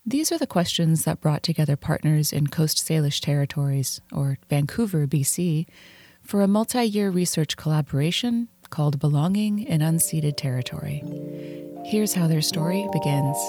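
Low-voiced woman podcast host. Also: lively intonation, warm tone, no echo. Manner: measured, read from script. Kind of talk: scripted podcast narration. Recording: music playing underneath.

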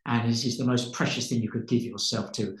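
Speaking a little fast in a steady, mid-range voice, a male pastor tells stories in conversation with fervent, preacher-like energy, often repeating words as he builds. A roomy echo colors the recording.

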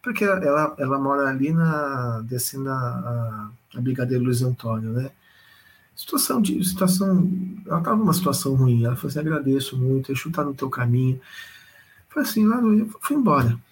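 Man telling his own story: animated, repetitive, casual. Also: mid-range voice, brisk, a little hiss or hum, low-quality recording. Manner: animated, repetitive, addresses listeners directly. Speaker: storyteller sharing a personal spiritual experience. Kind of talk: casual spoken testimony.

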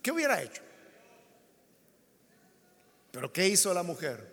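High voiced guy preaching, bright tense tone, big echoey church hall. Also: huge pitch swings, fast. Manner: impassioned, acts out biblical dialogue. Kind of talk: sermon.

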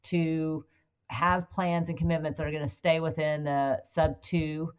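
A corporate affairs executive at a utility, a woman, is a guest in a casual interview. Her low, level voice is clear and resonant, a little slow, as she fluently explains her work, often saying "you know."

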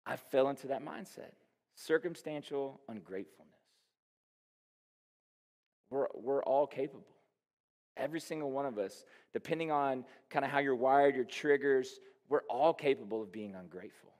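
A man's voice: medium pitch, moderate pace, darkish tone. A male pastor giving a conversational sermon, candid and anecdotal, often saying "you know". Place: church sanctuary. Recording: long hall reverb.

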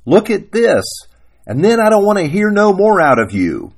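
A desperate working man pleading in anguish, in rough rural grammar, as a male preacher voices him. His husky voice rises and cracks, swinging widely. The delivery is strained and raw. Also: on the low side, big pitch swings, slow pace, darkish tone, heavily acted.

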